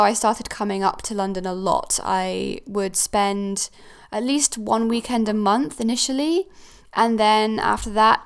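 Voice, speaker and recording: A young woman raised in Switzerland talks through a relaxed solo podcast episode at home. Her voice is smooth and clear with a steady rasp of fry at the ends of phrases. She rambles comfortably, dropping ums and correcting herself mid-sentence. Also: mid-range voice. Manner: chatty, with frequent ums and self-corrections. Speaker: podcast host. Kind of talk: casual solo podcast talk. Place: new house.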